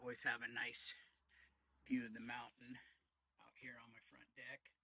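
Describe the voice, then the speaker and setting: A middle-aged man in a casual, rambling vlog chat, speaking in short, leisurely phrases with pauses, outdoors on a front deck. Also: mid-range voice, monotone, pushed and bright, slightly rough. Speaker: vlogger.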